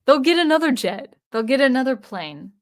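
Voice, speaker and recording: The livestream host, a woman from the US Northwest, speaks at a moderate pace in a high voice with big swings in pitch. She reads out comments from viewers and responds in a casual, chatty way, frequently starting over mid-thought.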